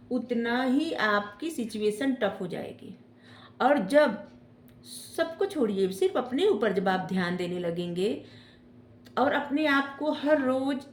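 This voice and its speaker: A woman tarot reader giving gentle spiritual advice, often checking in with "theek hai?" as she talks. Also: on the high side, echoey room. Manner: gentle coaching tone, ends phrases with "theek hai?". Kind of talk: casual spiritual advice talk.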